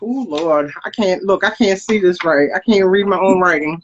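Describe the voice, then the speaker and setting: A woman's voice: fairly low pitch, moderate pace, lo-fi sound. A woman hosting a casual interview, chatty and upbeat as she reads out viewer questions. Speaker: host.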